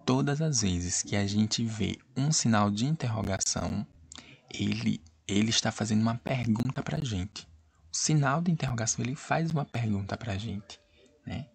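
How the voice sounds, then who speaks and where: A man's voice: mid-range voice, creaky, a little mellow, husky. A man with a Brazilian Portuguese accent teaching an online class. He explains things over and over and keeps checking that his students understand.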